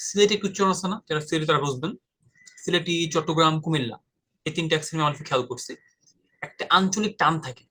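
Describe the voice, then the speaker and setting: Guy from bangladesh giving a casual tutoring lesson, blunt and chummy, slightly higher voice. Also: sharp tone. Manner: direct and informal, addresses viewer as brother. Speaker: IELTS tutor.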